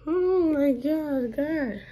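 Her voice is high, mellow and expressive, and she speaks very slowly. This plush toy video performer is making up a fan story on the spot, voicing multiple characters, hesitating often and frequently lowering to a whisper.

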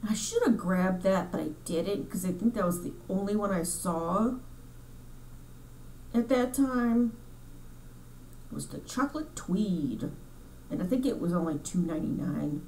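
A congested woman hosts her crochet channel in a chatty, rambling style, often stopping to correct herself. Her voice sits on the low side. She sounds set back from the mic, with a faint hiss underneath. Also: lively intonation, measured pace, long pauses, darkish tone, far from the mic, poor audio. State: congested from sinus trouble. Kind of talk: casual chat over store footage.

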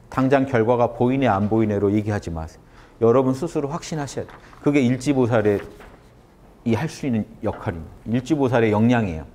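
Man, lecturer, lively rising and falling pitch, talks to the audience with questions. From Korea. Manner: animated, asks the audience questions. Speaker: Buddhist lecturer.

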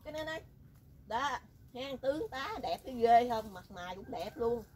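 A woman's voice: on the high side, animated, moderate pace, a little mellow. Chatty woman, lightly noisy. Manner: chatty, teasing, rural colloquial speech. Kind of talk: casual chat.

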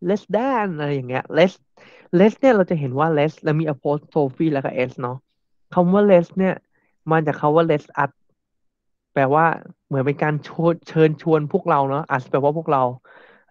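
A man's voice: a little high, darkish tone, no room sound, dull audio. A man teaching a classroom grammar lesson, explaining step by step and repeating examples.

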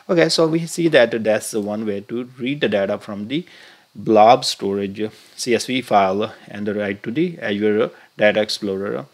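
A man with giving a halting screen-recorded software tutorial, thinking aloud with many filler sounds as he clicks through steps. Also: on the low side, vocal fry.

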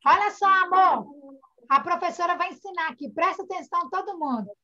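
Speaking briskly, a Brazilian primary school teacher guides young children through an online lesson, breaking words into syllables with patience and tenderness. Her voice is high and bright, with a Brazilian Portuguese accent. A computer or phone mic on the video call makes the sound dull and muffled.

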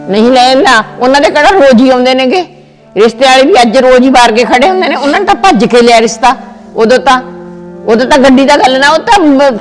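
A woman playing an old village grandmother who scolds and soothes in a brisk way. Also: sits high. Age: older. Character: old grandmother, fussing and protective. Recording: long echoing reverb, faint music bed.

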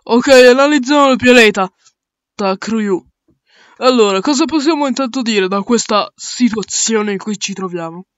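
A man voicing a male space crew captain in an amateur audio drama, giving orders and reasoning aloud with pauses. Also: extremely high pitch, fairly bright tone, dry recording, dull audio. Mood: calm, commanding.

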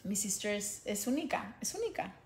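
A woman's voice: medium pitch, sing-song, moderate pace, a little hiss or hum. A woman in her thirties chatting casually on a livestream from a couch at home, switching between Spanish and English, filmed on a phone held at arm's length. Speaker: livestream host. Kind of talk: casual bilingual chat.

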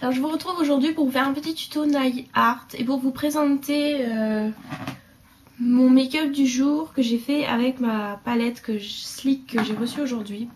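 A woman's voice: high voice, fairly even intonation, moderate pace, a little hiss or hum. A young woman with a stuffy nose, chatting casually through a nail tutorial at home and dropping to murmurs as she works. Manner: chatty, hesitant, drops to a murmur while working. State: congested, talking through her nose. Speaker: beauty vlogger.

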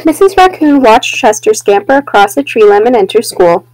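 A young woman, a teacher, reading a children's picture book aloud in a clear, expressive way. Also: on the high side, moderate pace, rough recording. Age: young adult. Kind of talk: children's storybook narration.

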